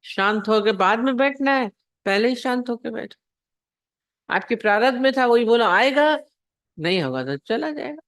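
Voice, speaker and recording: A woman's voice: a little high, animated, moderate pace, dry recording, clean studio sound. A woman spiritual teacher giving a sermon on scripture, telling parables and asking her listeners questions. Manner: storytelling, asks the listeners questions.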